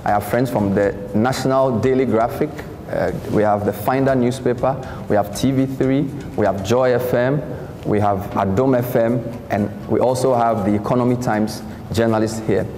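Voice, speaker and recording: Brisk journalist hosting an interview. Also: male voice, medium pitch, fairly even intonation, mellow. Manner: formal, brisk, articulate. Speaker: journalist, event host and interviewer. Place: large hall, indoors. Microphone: handheld mic. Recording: roomy hall echo, faint noise.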